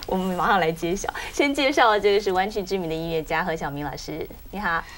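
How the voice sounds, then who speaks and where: A woman's voice: fairly low pitch, quick pace, slight background noise. A woman in her thirties hosting a casual TV talk show in a playful, chatty way. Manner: animated, playful. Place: TV studio at a desk.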